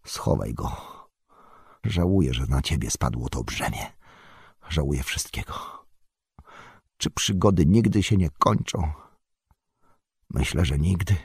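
A man's voice: low voice, slow, long pauses, darkish tone, husky, no room sound, clean studio sound, full character voice. A man voicing a fond, wistful old male hobbit in an audiobook reading. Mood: regretful. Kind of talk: audiobook character voice.

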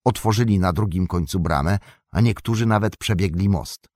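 A man narrating an audiobook in an expressive, lively way. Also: low voice, moderate pace, no room sound, clean studio sound.

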